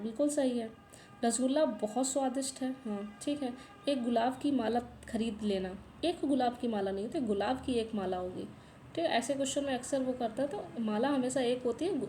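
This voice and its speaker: A woman with a warm, fairly high voice goes through a past exam paper, pointing out the right and wrong answers and telling her students to note them down. She talks patiently and repeats herself. The recording is roomy and echoey, with a faint hiss underneath. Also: gravelly. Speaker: exam-prep teacher. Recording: echoey room, faint background noise.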